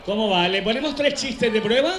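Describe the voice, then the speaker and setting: High-voiced Spanish host of a joke contest. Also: male voice, a little fast. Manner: lively, teasing, hurrying contestants along. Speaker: event host. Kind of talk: hosting a live joke contest. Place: outdoor stage at a beach event. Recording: echoey outdoor stage, loud crowd.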